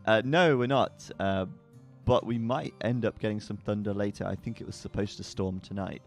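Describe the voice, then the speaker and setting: A man casting an esports match live, chatty and quick to laugh. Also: lowish voice, vocal fry. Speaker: esports caster. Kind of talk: live game commentary. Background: faint background music.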